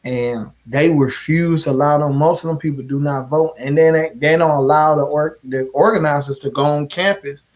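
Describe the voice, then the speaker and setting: St guy, organizer, cussing and animated, kinda higher voice. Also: normal speed, hardly any pauses. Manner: animated, swearing storyteller. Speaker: community organizer. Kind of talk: casual chat.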